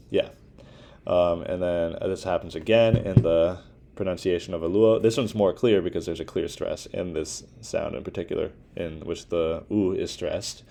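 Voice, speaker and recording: A man's voice: deep voice, creaky, dark tone, a little hiss or hum. A young man giving a casual class presentation, talking informally with many fillers and restarts. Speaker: student presenter.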